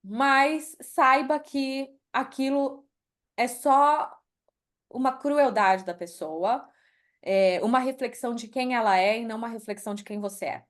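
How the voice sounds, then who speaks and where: Measured and a little high-pitched, this Brazilian woman in middle age is an HR executive being interviewed on a podcast. She's frank, her accent is Brazilian Portuguese, and English phrases slip into her speech.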